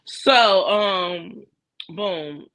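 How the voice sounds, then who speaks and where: A woman's voice: on the low side, drawn-out words, a bit bright, no echo, rough recording. Co-host, woman, chatty and blunt, recorded dry with no room sound. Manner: candid, profane storytelling with lots of fillers. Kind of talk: casual chat.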